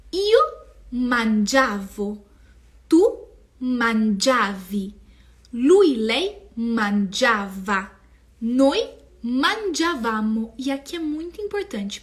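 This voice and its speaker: A young woman teaching a live online language class, explaining patiently and sounding out each form slowly. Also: very high-pitched. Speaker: Italian teacher.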